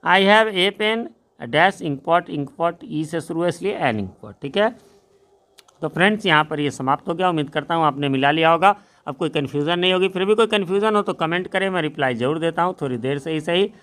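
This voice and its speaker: Male grammar tutor, higher-pitched and smooth, reads examples slowly and deliberately. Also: expressive, a bit bright. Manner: slow, deliberate reading of example sentences, frequent tag question "है ना". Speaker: English grammar teacher. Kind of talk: explanatory grammar lesson.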